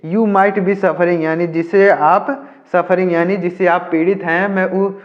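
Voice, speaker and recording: A man's voice: high voice, muffled recording. A man teaching English by reading a story aloud, then explaining each word in Hindi.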